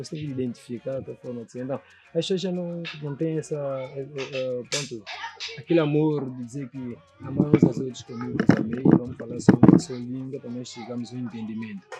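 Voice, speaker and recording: A man's voice: medium pitch, fast talker, mellow, soft background music. A man from São Tomé with a São Tomé Portuguese accent, a sculptor speaking earnestly and reflectively in a documentary interview, often checking that the listener understands. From São Tomé and Príncipe. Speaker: sculptor and painter.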